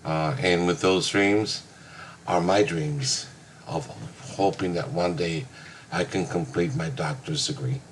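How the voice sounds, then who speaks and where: A man's voice: deep voice, fairly even intonation, slow pace, a little hiss or hum. A man in his fifties from Hawaii, giving a recorded class reflection with many hesitant filler sounds. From United States (Hawaii). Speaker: graduate student.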